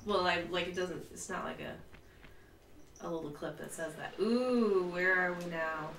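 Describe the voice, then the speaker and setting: A woman playing a video game and chatting casually at home, with quick asides and frequent laughs. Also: lowish voice, a bit bright, reverberant, far from the mic, a little hiss or hum. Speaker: let's play player. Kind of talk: casual gameplay commentary. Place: home room with a cat.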